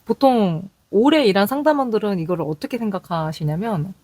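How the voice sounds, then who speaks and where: Speaking briskly in a mid-range, somewhat mellow voice, a young woman with a Seoul accent chats openly on her vlog about working at a call center, quoting the callers she deals with. The recording has no room sound.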